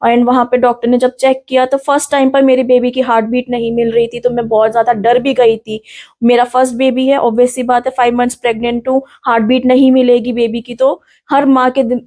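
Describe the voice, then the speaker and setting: A young woman with a high, soft-toned voice tells an interviewer what happened to her. She speaks earnestly and in detail, restarting her words now and then. She sounds frightened and still in pain. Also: level tone, a little fast. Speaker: interviewee, victim of an assault. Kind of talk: recounting an incident in an interview.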